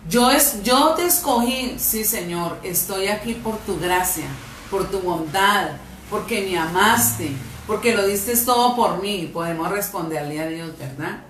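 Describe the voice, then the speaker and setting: A woman with a Colombian Spanish accent preaches a fervent sermon to a congregation in a church hall, her lowish voice unhurried but climbing in emphatic rises to loud, fervent peaks. She is recorded off-mic from a distance, so the hall sounds echoey and there is slight background noise.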